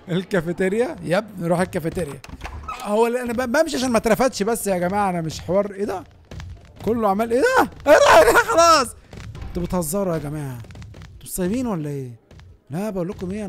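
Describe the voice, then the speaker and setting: Excitable young Egyptian gamer man. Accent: Egyptian Arabic. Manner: excitable, yelps and shouts in panic, then calms to low asides. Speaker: gaming YouTuber. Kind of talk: comedic gameplay commentary.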